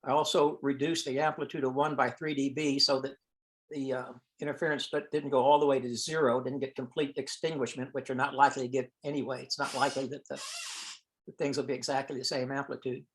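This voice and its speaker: Talking fast with little pitch movement, a man with a mid-range voice presents technical material informally on an online amateur radio science teleconference. He goes step by step and sometimes thinks aloud. The recording is rough, with a bit of hiss or hum.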